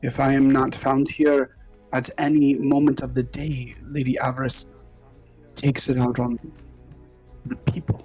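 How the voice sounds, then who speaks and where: A polite, stiffly formal lady scientist, as a game master puts her on, her words coming slow and halting in a husky tone. She addresses people with old-fashioned courtesy, as in a tabletop role-playing game. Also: medium pitch, level tone, darkish tone, soft background music, low-quality recording. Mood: earnest. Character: formal female scientist trapped in her lab.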